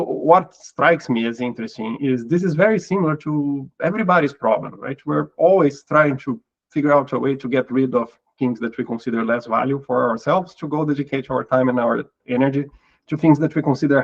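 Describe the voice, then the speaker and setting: A man's voice: medium pitch, a little fast, gravelly, highs cut off. A middle-aged Brazilian man with a Portuguese accent, a guest in an interview who talks thoughtfully and often repeats words as he restarts a phrase. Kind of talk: casual interview talk.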